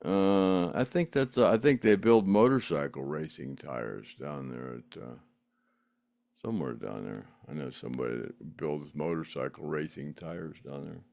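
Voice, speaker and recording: This is a bass-voiced older man, creaky and somewhat dark in tone, speaking at a moderate pace with no echo. As a podcast host going through viewer comments, he chats casually, wandering off track, laughing often and restarting his sentences with plenty of fillers.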